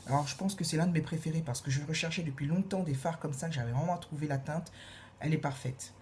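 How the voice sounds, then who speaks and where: A low, mellow-voiced woman chats through a makeup review, gushing and repeating her praise with plenty of hesitations. A faint hiss of background noise sits under her voice. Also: fast. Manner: gushing, repeats praise words, many fillers. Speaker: beauty vlogger.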